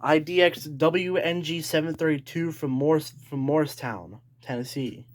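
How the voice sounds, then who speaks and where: Speaking at a moderate pace in a slightly high voice, a man rambles through a casual show-and-tell of his weather radios, backtracking and repeating himself. The home recording is noisy and has clicks.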